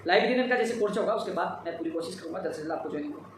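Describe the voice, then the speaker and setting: A man's voice: on the high side, expressive, rapid-fire, heavy reverb, far from the mic, noisy background. A tired man giving an emphatic, repetitive live update to followers on recruitment demands. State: tired after a long day. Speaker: job-seeker advocate giving updates.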